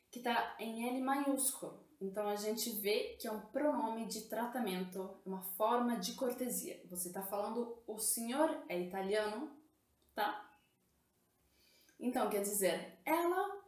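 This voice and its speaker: A woman with a fairly high voice teaches Italian, explaining slowly and patiently. She keeps checking that her listeners follow along. Her voice carries a noticeable room echo. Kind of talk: language lesson.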